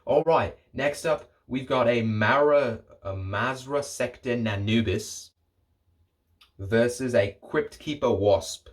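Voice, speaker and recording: A man's voice: mid-range voice, slow pace. A young man talking in a rambling, jokey way, making casual solo commentary for his video channel and often breaking off his own sentences. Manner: rambling, jokey, self-interrupting. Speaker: vlogger.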